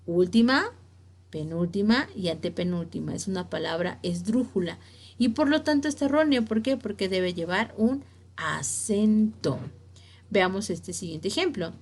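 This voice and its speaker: A woman's voice: mid-range voice, lively intonation, normal speed, a little hiss or hum. A woman teacher giving a spelling lesson to her students, stressing key words and checking that they follow along.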